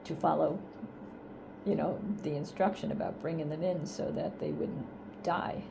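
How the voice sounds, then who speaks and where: A woman in a casual group Bible study who reads out a verse and then explains it in a measured way. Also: low-pitched, steady tone, gravelly. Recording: noisy recording, distant from the mic.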